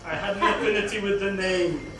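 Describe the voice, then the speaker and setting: A man from Wales playing a big, terse, deadpan comedy sidekick who drops in short interjections. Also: high voice, a little fast, natural voice. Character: large Welsh heavy, terse deadpan sidekick. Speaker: comedy double-act sidekick. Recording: echoey room, off mic, clear noise.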